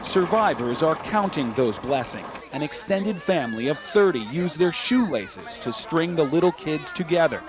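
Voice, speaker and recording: A man delivering scripted television news reporting with measured, dramatic emphasis. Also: fairly high pitch, very animated, crowd noise. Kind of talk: scripted broadcast news narration.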